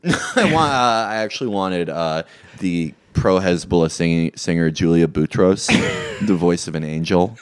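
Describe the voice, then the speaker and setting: A man's voice: sits low, moderate pace, clean tone. A man co-hosting a podcast, rambling through stories in casual banter and laughing often. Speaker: podcast co-host.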